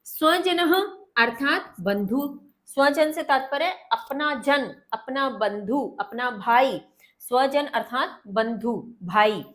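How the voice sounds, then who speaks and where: Woman teacher, high voice, slow measured delivery, patient word-by-word explanation. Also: fairly bright tone. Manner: patient, repeats each word then its meaning.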